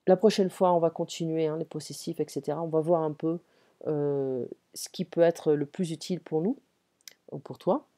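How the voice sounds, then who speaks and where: A woman's voice: sits low, fairly even intonation, moderate pace, dark tone. A French woman teaching a one-on-one grammar lesson, patiently reading out example sentences and checking for understanding.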